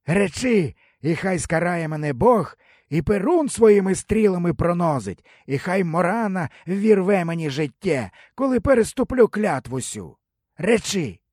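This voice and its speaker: A male audiobook narrator voicing a stern, commanding old pagan elder with a husky, drawn-out and solemn delivery. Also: high-pitched, sing-song, a little mellow, no echo, studio quality, voice pushed up, heavily acted. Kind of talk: audiobook character voice.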